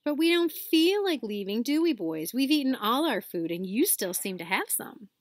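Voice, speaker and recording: A spoiled schoolboy bully, as a woman reader puts him on, taunts in a high, mocking, raised voice. The sound is dry and close. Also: sing-song, normal speed, no echo. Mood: taunting.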